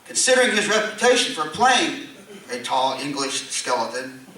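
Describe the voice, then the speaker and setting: A man's voice: fairly high pitch, very animated, moderate pace. A man giving a tongue-in-cheek award induction speech at a convention, reading aloud to the room. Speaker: presenter inducting an award honoree. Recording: echoey hall, distant mic, background noise.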